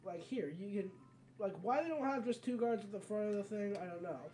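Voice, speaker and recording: The speaker, a video game let's player, has a mellow mid-range voice and talks a little fast. Their commentary is casual and rambling with frequent mid-sentence self-corrections, recorded on a mic placed at a distance amid background noise.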